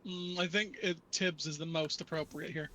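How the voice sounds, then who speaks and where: Male game master, higher-pitched and bright, unhurried halting narration of a tabletop game. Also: steady tone, slight background noise, low-quality recording.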